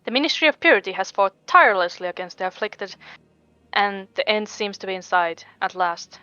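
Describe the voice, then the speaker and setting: A woman's voice: medium pitch, animated, brisk, pushed and bright, no echo, faint music behind. A woman reading aloud the lines of a formal official who asks heroes for help, in an earnest, slightly stiff manner with stumbles over names. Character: formal, grateful official asking heroes for aid. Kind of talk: reading game dialogue aloud. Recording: dull lo-fi mic.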